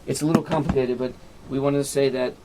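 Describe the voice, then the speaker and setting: A man's voice: mid-range voice, fairly even intonation, quick pace, warm tone. Man, a rabbi, going over knots step by step for a class, keeps saying "right?", slight background hiss. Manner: explains step by step, often checks with "right?"; mixes Hebrew and Yiddish terms into English. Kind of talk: informal halacha lesson with demonstration.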